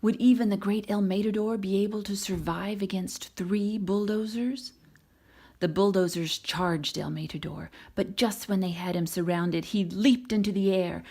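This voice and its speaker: A woman reads a children's storybook aloud in an expressive narrating style, her voice medium in pitch and her pace moderate.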